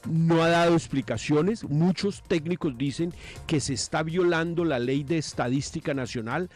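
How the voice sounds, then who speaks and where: A man with a Colombian accent and a fairly high voice delivers opinionated commentary on a news programme. He sounds indignant and emphatic, posing questions and answering them himself, with music behind him. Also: a little mellow.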